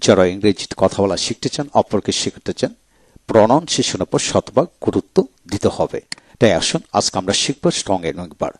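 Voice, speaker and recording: A man from Bangladesh teaching English pronunciation in a video lecture, repeating each word slowly several times. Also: lowish voice, darkish tone, no room sound.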